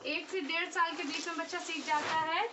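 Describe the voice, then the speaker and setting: A woman's voice: very high voice, fairly even intonation, moderate pace, background noise. A young woman teaching an exam-prep lesson, explaining step by step and checking in often with the class. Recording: dull, slightly distant recording.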